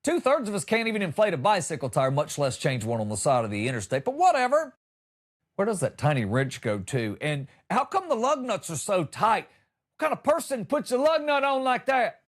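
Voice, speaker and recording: This middle-aged American podcast host gives a funny, wry monologue about news stories, exaggerating and acting out lines. His voice is high-pitched with big swings in pitch, and he talks a little fast.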